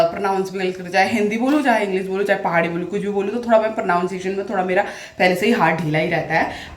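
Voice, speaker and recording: A woman, chatting in a rambling, casual way in a daily home vlog, often mixing in English phrases. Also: mid-range voice. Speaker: vlogger.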